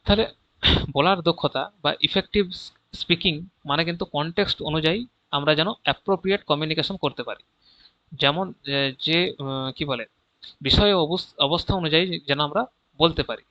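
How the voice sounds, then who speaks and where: Bright-voiced Bengali man explaining exam answers. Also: a little high, no echo. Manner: reads each question, then explains answers with frequent "ঠিক আছে?" check-ins; mixes English terms into Bengali. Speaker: exam prep teacher. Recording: dull, dry lo-fi audio.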